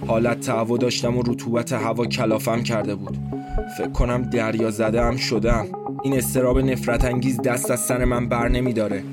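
A man narrating a first-person story as a tense inner monologue. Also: mid-range voice. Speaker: narrator and reader. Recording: loud background music score.

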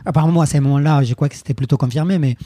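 Dark, husky-voiced man telling his story. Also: on the high side, very fast, no echo. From Colombia. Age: 30s. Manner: hesitant, many fillers and restarts. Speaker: guest. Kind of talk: personal storytelling interview.

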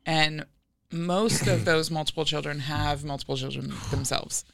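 A woman's voice: low voice, steady tone, moderate pace, vocal fry. A woman guest on a podcast, telling family stories in an affectionate, chatty way. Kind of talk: casual chat.

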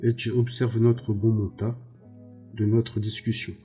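A cruel, scheming baron, read by a man who talks slowly and with mockery. The voice is dark and low with little melody. The audio is slightly dull, with faint music underneath. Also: flat delivery, close to an everyday voice. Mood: mocking. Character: cruel scheming male baron, older, menacing.

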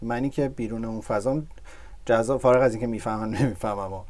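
Male podcast host telling stories. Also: medium pitch. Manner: animated storytelling, laughs at his own remarks. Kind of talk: casual football chat.

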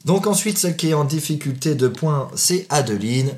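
Un jeune homme qui anime un jeu entre amis en tant qu'arbitre, taquin et faussement sévère, riant souvent. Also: male voice, on the high side, expressive, normal speed, darkish tone. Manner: teasing, mock-stern, laughs often. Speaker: game host and referee. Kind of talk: joking quiz banter among friends.

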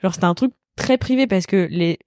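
A young woman from Paris tells a story to her podcast co-host at a rapid clip, packing in fillers and playing out quotes from the scene. Her tone is on the darker, mellow side, recorded close and dry. It sounds like a relaxed chat between friends. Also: mid-range voice, no echo. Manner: rapid, filler-heavy, lively retelling with acted-out quotes.

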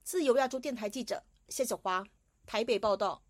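A woman radio reporter reading a scripted news report in a steady, formal way. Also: on the high side, a little fast, dry recording, studio quality.

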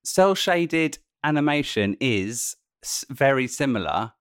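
A man's voice: mid-range voice, animated, slow, fairly bright tone, no echo, clean studio sound. A man hosting a casual podcast chat, jokey and punning, laughing often between lines. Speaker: podcast host.

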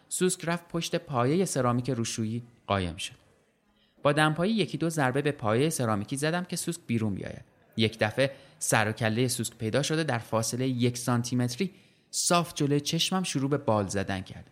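A man reading a short story aloud in a plain, even storytelling voice. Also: mid-range voice. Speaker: story reader.

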